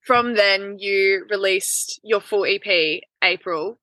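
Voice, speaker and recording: A woman interviews a guest, winding through long questions filled with "like." Her voice is bright and forward. The sound is dry and close. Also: mid-range voice, slow pace, no room sound. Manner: long rambling questions with many likes.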